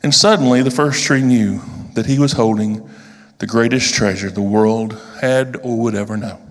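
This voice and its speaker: Man reading a story in an echoing hall. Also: mid-range voice. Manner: slow, with deliberate pauses. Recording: long reverb of a large hall.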